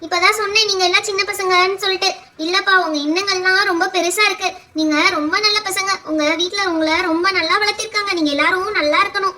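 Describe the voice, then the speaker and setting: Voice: extremely high pitch, fairly even intonation, fast, few pauses, pushed and bright, exaggerated voice. A performer voicing a kind, grateful middle-aged aunt doll in a doll pretend-play show, fussing and thankful.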